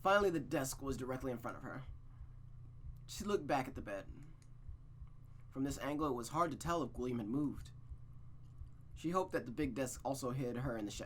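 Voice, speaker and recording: Reading a visual novel for his stream, a man in a medium pitch gives the story a dramatic telling punctuated by casual cursing. He reacts expressively and often stumbles, going back over lines. Slight background noise can be heard.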